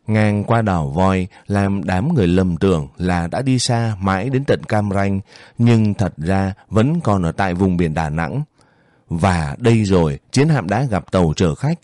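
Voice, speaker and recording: A man narrating a war novel as an audiobook, in steady, measured storytelling. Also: low voice, no echo, studio quality.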